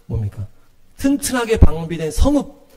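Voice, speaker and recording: Male pastor, middle-aged, relaxed sermon delivery, warm dark tone, fillers throughout. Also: fairly high pitch, moderate pace. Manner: conversational preaching with frequent fillers and acted quotes.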